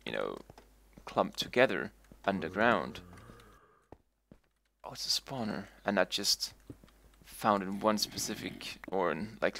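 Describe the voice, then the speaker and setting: Male streamer, low gravelly voice, rambling casual game commentary. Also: sharp tone, slight background noise. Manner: rambling, repeats and restarts himself.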